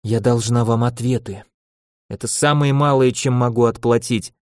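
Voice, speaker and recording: A man voicing a wounded young female seer, speaking softly and solemnly. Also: medium pitch, fairly even intonation, normal speed, dry recording, studio quality, lightly acted.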